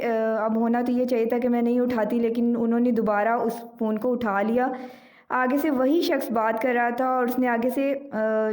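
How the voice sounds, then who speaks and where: A woman narrating a moral story in an unhurried way, with frequent fillers and lessons for girls. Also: a little high, a little mellow, reverberant.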